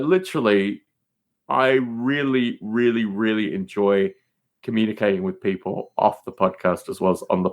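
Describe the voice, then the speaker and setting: A middle-aged man with a lowish, gravelly voice chats casually as a podcast host appearing as a guest. He tells stories in an emphatic, rambling way, often repeating words for stress.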